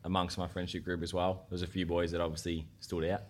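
Deep-voiced young Australian man. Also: completely flat delivery, quick pace. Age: young adult. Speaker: footballer, interview guest. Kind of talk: casual chat.

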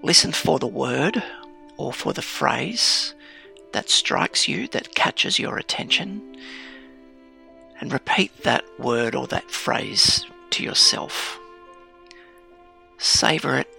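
Gravelly man leading a calm grounding meditation. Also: medium pitch, soft background music. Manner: measured, reflective, with deliberate pauses. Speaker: leader of a guided scripture meditation. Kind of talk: calm grounding exercise, guided prayer meditation.

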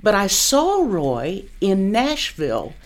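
A woman's voice: medium pitch, wildly swooping pitch, slow. A woman, casually telling stories from memory. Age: 60s. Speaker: interviewer, storyteller. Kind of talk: casual reminiscing.

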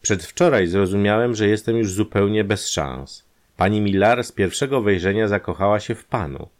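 A man voicing a smooth-talking male private detective, a conman who speaks in an ingratiating, persuasive way. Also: on the low side, normal speed, pitched above the performer's own voice, lightly acted.

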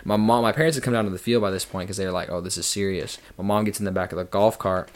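A young man, a podcast guest, telling a story in a casual, animated way and acting out the people in it. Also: racing. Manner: animated storyteller, acts out quotes with big jumps in pitch.

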